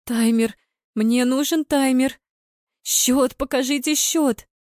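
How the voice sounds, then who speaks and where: A woman's voice: sits high, fairly even intonation, slow pace, a little mellow, no room sound, studio quality, voice pushed up. A woman voicing a hot-tempered young female football fan who swears at the screen. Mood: frantic.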